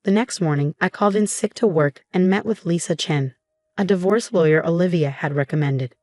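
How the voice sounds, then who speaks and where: A woman reading a first-person story as scripted narration, in a steady, measured way. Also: on the low side.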